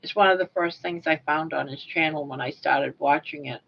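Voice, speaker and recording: An older woman with soft, toothless articulation from a sore mouth, chatting casually and a little self-consciously on a livestream in a rambling way. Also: sits low, moderate pace, vocal fry. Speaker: livestream host. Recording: dull lo-fi webcam or phone audio.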